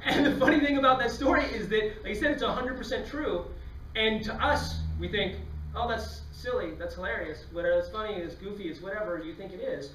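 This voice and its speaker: A man's voice: high-pitched, brisk, a little hiss or hum. A man giving a comedy talk and acting out voices as he tells stories to a live audience. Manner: animated, acts out voices while telling stories. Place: lecture hall with a live audience. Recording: echoey hall, from a distance.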